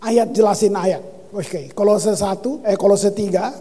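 A man preaching a lively sermon as pastor, reading scripture and exclaiming. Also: high voice, measured pace, big-room sound. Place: church hall.

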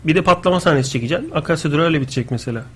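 A man co-hosting a live radio talk show, chatting and joking in quick banter. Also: on the high side, slightly rough. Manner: rapid, joking banter with impressions. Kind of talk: casual live radio chat.

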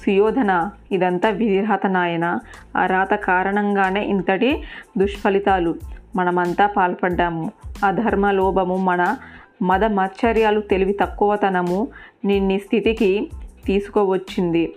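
A woman's voice: mid-range voice, fairly even intonation, measured pace, a little mellow, close to an everyday voice. A woman voicing a righteous elder king who rebukes his brother and mourns the fallen, in an earnest tone, with faint music behind. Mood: grieving. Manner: scolding then lamenting, earnest.

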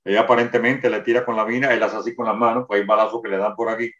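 Recalling a wartime memory in an interview, an older man speaks quickly and in detail from his own perspective, frequently starting phrases over. His voice is a bit low yet fairly bright, flat in delivery, and heard from afar in a roomy, dull-sounding room.

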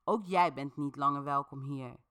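A woman's voice: low voice, moderate pace, fairly bright tone, smooth. Woman doing a curt, fed-up male waiter. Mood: stern. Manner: curt, firm.

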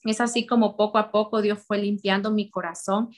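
A woman's voice: medium pitch, little pitch movement, a little fast. A young woman with a Honduran accent gives a heartfelt personal faith testimony, speaking directly to her listeners.

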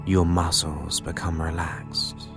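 A man leading a guided relaxation in a soothing, unhurried manner, leaving long pauses between short phrases. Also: low-pitched, little pitch movement. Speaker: guided meditation host. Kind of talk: guided relaxation hypnosis narration. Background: new-age music.

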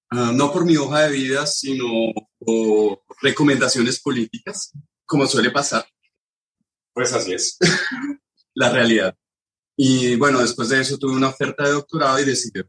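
A Colombian man in his thirties, chatting casually and explaining things at a measured pace with small restarts. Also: medium pitch, a bit bright. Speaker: guest. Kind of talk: casual chat.

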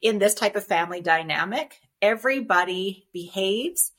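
A woman's voice: mid-range voice, expressive, moderate pace, fairly bright tone. A woman divorce coach on a podcast, explaining in an earnest way and often checking in with "right?". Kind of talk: podcast interview.

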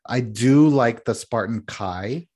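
A man's voice: medium pitch, slow pace, a little mellow. A man co-hosting a podcast in casual chat, giving blunt, candid opinions. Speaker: podcast co-host.

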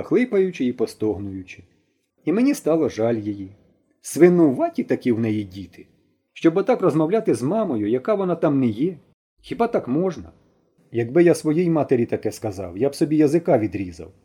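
A man reading an audiobook aloud with expressive storytelling. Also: mid-range voice, fairly quick, breathy edge. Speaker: audiobook reader. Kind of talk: audiobook narration.

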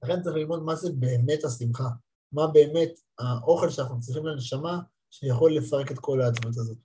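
A man's voice: mid-range voice, dark tone, a little hiss or hum. A man in his thirties giving a spiritual lesson, telling a personal story and repeating words for emphasis. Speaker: religious motivational teacher.

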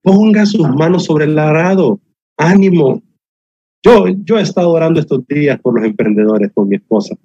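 A man's voice: fairly high pitch, lively intonation, normal speed, warm tone, breathy edge, no room sound, muffled recording. A man preaching a sermon as a pastor, emphatic and repetitive with touches of humor, heard over a video call.

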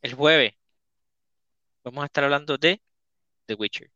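A man's voice: on the high side, a little slow, pushed and bright, dry recording, highs cut off. A young man, hosting a casual podcast chat, laughing and tossing in English words. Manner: laughing, mixes English words, acts out quotes. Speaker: podcast host.

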